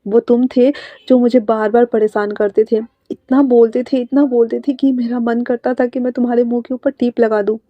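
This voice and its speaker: Woman doing a soft-spoken gentle young man. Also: little pitch movement, moderate pace, no room sound, natural voice. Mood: tender. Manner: soft, low and hushed. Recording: dry, slightly muffled.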